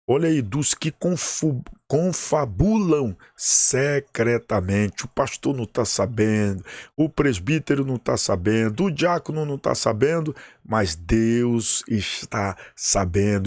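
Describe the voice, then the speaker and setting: A man's voice: mid-range voice, a little mellow, no room sound. Man, pastor, Bible lesson, emphatic, dry recording. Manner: emphatic, with constant check-ins to the listener. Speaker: pastor teaching Sunday school lesson.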